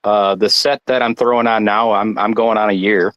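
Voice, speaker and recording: A man from Michigan chats casually about his game as a guest, stumbling through restarts and fillers. His voice sits fairly low. The sound is dry and close, with almost no room in it. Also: level tone, no room sound, dull audio. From Michigan, United States. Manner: halting, many restarts and fillers. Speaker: guest darts player. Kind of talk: casual chat.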